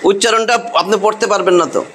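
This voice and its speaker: A man's voice: high-pitched, steady tone, very fast, crowd noise. A man teaching a Quran recitation class, patiently repeating each rule with drilled examples. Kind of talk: classroom tajweed lesson.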